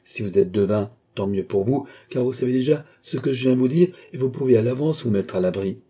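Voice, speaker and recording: An audiobook reader voicing a proud young chevalier who speaks in clipped, indignant lines while forcing himself to stay calm. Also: male voice, mid-range voice, a little fast, slightly rough, pitched above the performer's own voice. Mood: tense, indignant. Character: proud young chevalier, tense and barely controlled.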